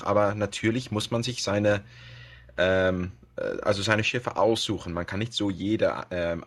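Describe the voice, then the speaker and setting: Speaking German with a Dutch accent, this web radio host from the Netherlands chats as a guest on a relaxed podcast. His voice is a little low, and he hesitates a lot, filling gaps, restarting sentences, and laughing now and then.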